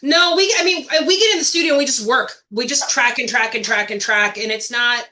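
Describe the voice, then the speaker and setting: Woman, band member, casual podcast chat, blunt, animated, bright tone. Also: fairly high pitch, brisk. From Chicago area.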